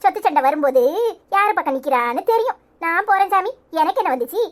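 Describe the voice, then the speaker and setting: A woman voicing a sharp-tongued, mocking middle-aged mother in a cartoon, with a Tirunelveli Tamil accent. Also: very high voice, lively intonation, fast. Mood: scolding.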